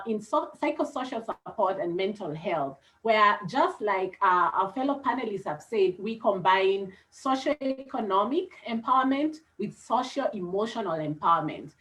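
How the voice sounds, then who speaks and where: A woman's voice: medium pitch, fairly bright tone, low-quality recording. A woman psychologist with a Kenyan English accent, speaking earnestly on a panel. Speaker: psychologist and consultant. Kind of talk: panel talk.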